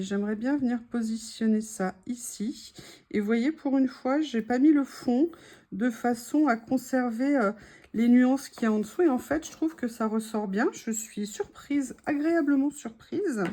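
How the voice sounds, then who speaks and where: A woman's voice: a little high, a little mellow. A woman chatting casually while she crafts, thinking aloud and sometimes dropping to a murmur. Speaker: crafting vlogger.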